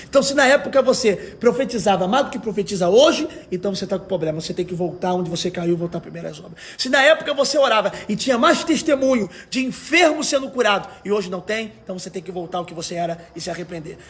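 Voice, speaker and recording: Speaking in a casual, emphatic livestream-sermon manner, a Brazilian man preaches as an evangelical pastor, peppering listeners with rhetorical questions and exhortations. His voice is notably high, hoarse and raspy, and there's a little hiss or hum behind it.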